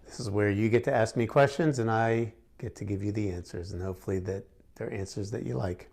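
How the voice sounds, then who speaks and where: His voice is on the low side, steady, brisk and darkish, with vocal fry. The middle-aged man is a gemstone instructor and host running a casual question-and-answer lesson to camera, sounding friendly and chatty amid frequent fillers and restarts.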